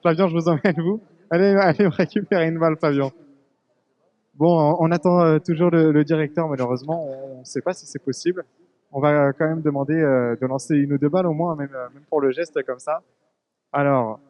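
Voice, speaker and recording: A man's voice: fairly high pitch, steady tone, fairly quick, dull audio. A young man reporting live from a busy fair hall, chatty and joking. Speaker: field reporter.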